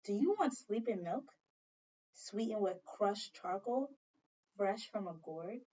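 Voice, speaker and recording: A woman teacher voicing a kindly old grandmother offering milk in a storybook read-aloud, with a softened, lowered voice. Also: big pitch swings, unhurried, full character voice. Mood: gentle. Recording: dull distant recording.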